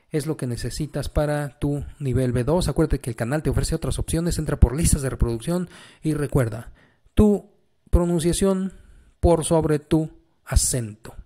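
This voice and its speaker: A man's voice: fairly high pitch, normal speed, warm tone. A man with a Mexican Spanish accent teaches an English grammar lesson. He keeps asking the learner questions and then answers them himself.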